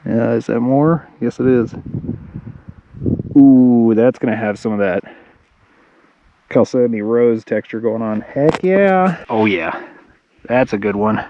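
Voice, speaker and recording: Man, out of breath, excited outdoor vlog, camera mic, slightly muffled, faint hiss. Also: medium pitch, slow pace, long pauses. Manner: enthusiastic, chatty, laughs often. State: out of breath from power hiking. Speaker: rock hunting vlogger. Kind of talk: casual vlog narration while hiking. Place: outdoors at dusk on a rocky hillside. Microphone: action camera and phone.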